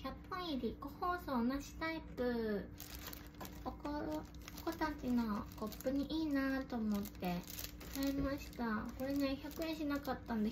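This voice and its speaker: High, girlish anime-voiced woman. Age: young adult. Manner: cute, girlish anime-style voice. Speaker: host of an unboxing vlog. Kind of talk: casual chat to camera while unboxing. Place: room at home. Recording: noisy room, rustling and clicks.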